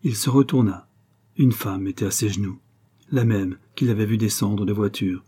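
A man narrating a French literary story as an audiobook, in a measured, even way. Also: on the low side, breathy edge.

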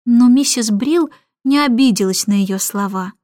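A woman narrating a children's storybook in an expressive, measured way. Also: a little high, no room sound, clean studio sound. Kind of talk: scripted audiobook narration.

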